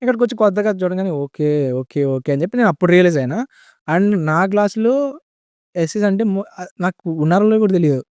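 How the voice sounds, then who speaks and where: A young man speaks in a relaxed podcast conversation, dropping "bro" and English words into his talk. He talks quickly in a slightly high voice. The sound is dry and close. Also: smooth, dry recording. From India. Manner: chatty, says "bro" often, mixes in English words. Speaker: guest. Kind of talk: casual podcast storytelling.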